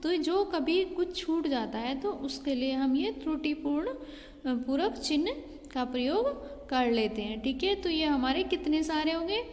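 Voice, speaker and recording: Patient woman teacher for a kids' class, high voice, recorded in a reverberant room. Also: animated, unhurried, darkish tone. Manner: patient, repeats "ठीक है" and "बेटा" to pupils. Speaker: school teacher. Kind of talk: online Hindi class lesson. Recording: long hall reverb.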